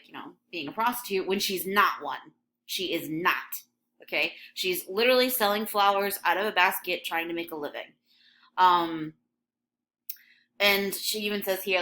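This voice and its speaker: Here a woman with a medium-pitched, sharp-toned voice gives an English lesson, a little background noise behind her. She's young, from Michigan, with a slight local accent, and she talks casually, leaning on lots of ums and likes. The clip is a recorded class set over scrolling text.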